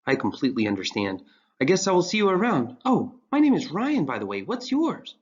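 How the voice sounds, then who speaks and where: A man voicing an eager, earnest teenage boy with a bright, high voice. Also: huge pitch swings, fairly quick, husky, lo-fi sound, heavily acted.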